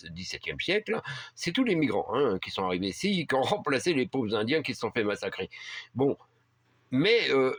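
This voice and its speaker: A man's voice: mid-range voice, no room sound. Rambling man telling a story, dry sound. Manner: rambling, many fillers and restarts. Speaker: vlogger. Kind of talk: casual storytelling. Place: rural home heated by a wood stove.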